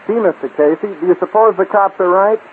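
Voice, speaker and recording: A man's voice: high-pitched, quick pace, lightly acted. A male actor playing an earnest, eager youth worried for his father in an old-time radio drama. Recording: tinny old radio recording, faint hiss.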